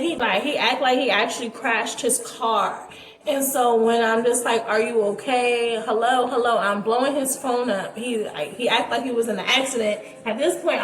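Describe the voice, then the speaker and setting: A woman's voice: on the high side, echoey room, low-quality recording. A young woman vlogger telling a story in a casual, dramatic way, with laughing asides.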